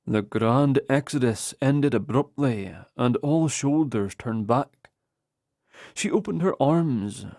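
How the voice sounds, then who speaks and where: A man narrating an audiobook in the first person with slow, measured storytelling. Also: medium pitch, lively intonation, a little mellow, no echo, studio quality.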